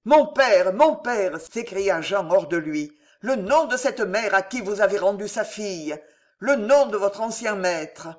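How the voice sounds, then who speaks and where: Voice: medium pitch, lively intonation, measured pace, natural voice. A reader voicing an earnest young knight who answers his father dutifully and pleads with him in a storybook reading. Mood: pleading. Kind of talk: audiobook character reading.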